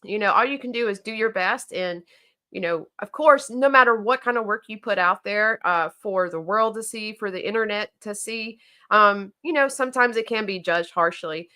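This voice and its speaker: A woman's voice: mid-range voice, moderate pace, sharp tone. A woman with a Southern accent, co-hosting a casual livestream and chatting about viewer comments with plenty of fillers and restarts. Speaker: co-host of a knife company livestream.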